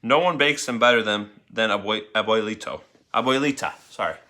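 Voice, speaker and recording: A man's voice: lowish voice, brisk, bright, forceful tone. A man teaching a class, reading a story aloud and urging students by name to keep up. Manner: coaxing students to keep up, calling names.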